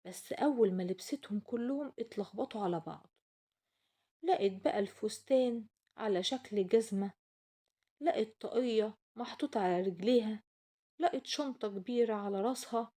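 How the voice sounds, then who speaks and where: A woman's voice: on the high side, normal speed, pauses often, dark tone. A woman with an Egyptian accent hosting and telling stories to children in a playful way, asking them questions as she goes. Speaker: children's storyteller and host. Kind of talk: animated children's storytelling.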